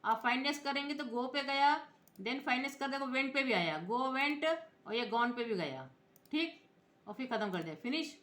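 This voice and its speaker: A woman teaching computer software in speech, explaining each step and spelling out letters as she checks in with her viewers. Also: high-pitched, animated, moderate pace. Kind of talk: screen-recorded software tutorial. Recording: echoey room.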